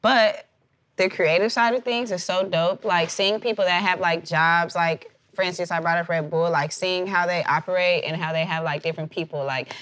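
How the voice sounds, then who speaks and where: A woman chatting as a guest, telling lively stories and acting out what people said. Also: lowish voice, normal speed. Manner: animated storytelling, acts out quoted voices. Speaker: dancer guest. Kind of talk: casual interview chat.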